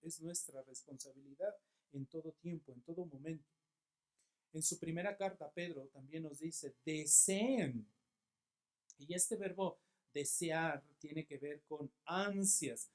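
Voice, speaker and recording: A man with a Mexican accent preaches a church sermon. He poses rhetorical questions and answers them himself. He drives points home through repetition, his volume swinging between loud and soft. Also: a little high, measured pace. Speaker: pastor.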